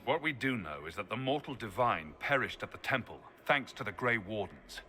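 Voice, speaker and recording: Forceful, bright-voiced defiant fantasy hero. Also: male voice, fairly low pitch, big pitch swings, normal speed. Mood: stern, accusing. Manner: firm, forceful, earnest. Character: bold, defiant male fantasy champion, protector of mages. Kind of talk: dramatic video game acting.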